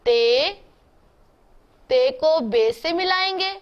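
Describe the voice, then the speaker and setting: A woman's voice: sits high, expressive, drawn-out words, muffled recording. A woman teaching an online handwriting class, patiently spelling out letters one by one and asking her students questions.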